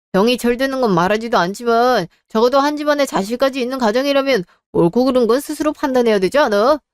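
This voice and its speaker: A woman's voice: a little high, a little mellow, clear, resonant tone, no room sound, clean studio sound, lightly acted. A woman voicing a younger married man who argues back with indignant retorts. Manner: argumentative, exasperated retorts. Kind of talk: dramatized story reading.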